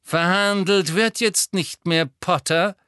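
A drawling, mocking dark wizard of noble airs, as a man puts him on in an audiobook. The voice sits higher than a plain speaking voice and has a bright, cutting edge. Every word drips with contempt, and the recording is dry and close. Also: fairly even intonation, takes it slowly, clear, resonant tone, no echo, exaggerated voice. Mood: drawling sneer. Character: sneering aristocratic male dark wizard. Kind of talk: audiobook character voice.

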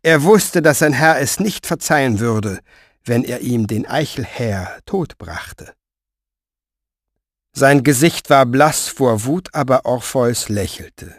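A man narrating a fantasy audiobook in a measured, expressive storytelling manner, close to the mic. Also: mid-range voice, dry recording.

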